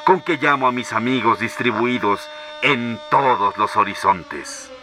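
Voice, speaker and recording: A man reading a storybook aloud as a mighty talking machine, speaking grandly and deliberately. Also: mid-range voice, background noise. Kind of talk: storybook narration.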